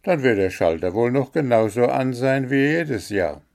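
A man voicing a grumbling male Christmas gnome who scolds gruffly. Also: medium pitch, animated, normal speed, a little mellow, pitched above the performer's own voice. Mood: indignant.

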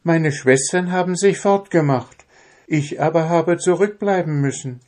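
A sad, pleading young princess under a witch's spell, as a male narrator puts her on in a high, soft voice. She speaks slowly and gently, like a character in a read-aloud fairy tale. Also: natural voice. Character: enchanted king's daughter, young woman, pleading and sad.

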